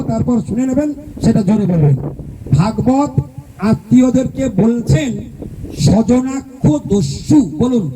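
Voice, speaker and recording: A male preacher giving a devotional sermon at a home gathering, asking the audience rhetorical questions and leading call-and-response. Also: very high voice. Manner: mimics relatives in quoted speech. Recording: faint background noise and clicks.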